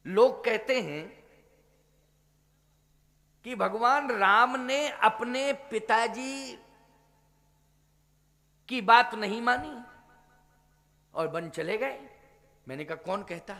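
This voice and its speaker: High-voiced preaching man in a hall. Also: lively intonation, very slow, gravelly, long pauses, sharp tone. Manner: preaching with rhetorical questions to the audience. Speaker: spiritual teacher giving a Ramkatha discourse.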